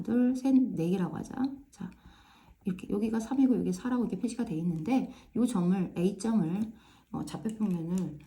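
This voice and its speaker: A woman math teacher explains problems step by step in a casual classroom style, warm and mid-range in voice. She keeps checking understanding with "right?" and repeats the filler "ja" to pace each step.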